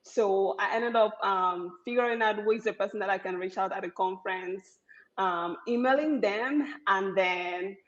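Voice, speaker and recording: A woman from Cameroon, a startup founder, speaking on a panel in a conversational way with many pauses and fillers. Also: mid-range voice, highs cut off. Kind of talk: panel discussion.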